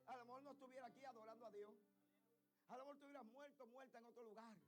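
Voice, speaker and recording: A man with a strikingly high voice preaches a sermon in church. He tells the story with fervor, dropping to near-hushed lines before climbing to shouted peaks. Soft music plays faintly behind him. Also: steady tone, very fast.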